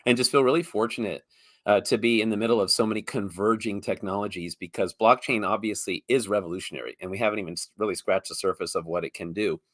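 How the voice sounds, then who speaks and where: A man in his fifties speaks as a podcast guest, his low voice slightly hoarse from illness. The sound is dry and close. He rambles with enthusiasm, often repeating words as he builds up a thought. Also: quick pace, fairly bright tone, no room sound. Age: 50s. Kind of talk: casual interview talk.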